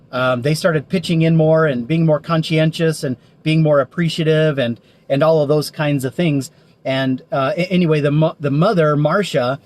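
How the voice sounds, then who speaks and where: Male business owner, slightly raised pitch, rambling storyteller, halting delivery. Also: a little mellow. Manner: hesitant, many fillers and restarts. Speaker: marketing company owner giving advice. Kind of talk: unscripted storytelling to camera.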